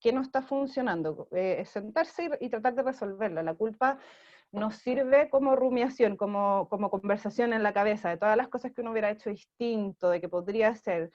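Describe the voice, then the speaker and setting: A woman's voice: medium pitch, fairly quick, a little mellow, highs cut off. A woman with a Chilean accent, a parenting program director, giving parenting advice in an interview, explaining with many fillers and checking in with "¿sí?".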